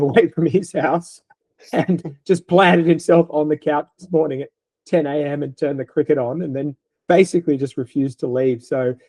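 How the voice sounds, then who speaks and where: A man's voice: on the high side, warm tone, no room sound. A man with an Australian accent co-hosting a vet podcast, talking in a laid-back, rambling way with many fillers. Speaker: veterinary podcast co-host. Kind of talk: casual podcast chat.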